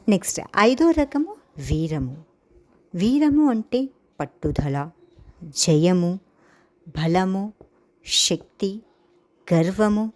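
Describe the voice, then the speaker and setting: A woman giving a dance theory lesson, explaining each term slowly and chanting a verse in a measured way. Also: mid-range voice, darkish tone. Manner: slow, deliberate, stretching and chanting key terms. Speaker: dance teacher.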